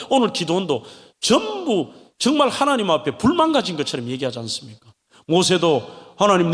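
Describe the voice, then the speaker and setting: A male pastor preaching a sermon in a church, delivering it in an animated way with dramatic turns. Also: sits high. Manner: animated preaching, acting out pleading voices of biblical figures. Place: church sanctuary. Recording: long hall reverb of a church.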